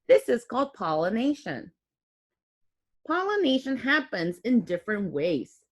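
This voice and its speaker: A woman with a fairly high voice reads a picture book to young children at a measured pace. She sounds like a teacher, expressive and child-focused, gasping and exclaiming and pausing for simple explanations.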